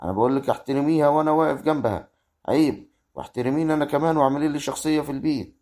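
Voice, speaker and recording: A man's voice: fairly high pitch, racing, darkish tone, close to an everyday voice. A man with an Egyptian accent acting a young village husband caught between his wife and his mother in an amateur family drama. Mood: arguing. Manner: exasperated, arguing.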